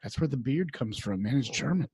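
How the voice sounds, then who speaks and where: A man's voice: mid-range voice, expressive, a little fast, darkish tone, slightly rough, no room sound. A man co-hosting a show, rambling through a casual story with chuckles. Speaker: co-host. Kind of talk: casual banter.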